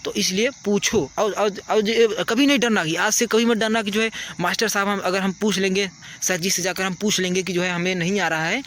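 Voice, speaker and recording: A man's voice: sits high, steady tone, fairly quick, a bit bright, slight background noise. A man, a teacher giving children earnest, repetitive advice outdoors at night. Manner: earnest, repeats "ठीक है" to check understanding. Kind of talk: casual advice talk to children.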